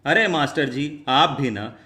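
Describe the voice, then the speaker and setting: A man voicing a cheeky male pupil in a homemade cartoon, talking back slowly and mockingly. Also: fairly high pitch, expressive, bright, forceful tone.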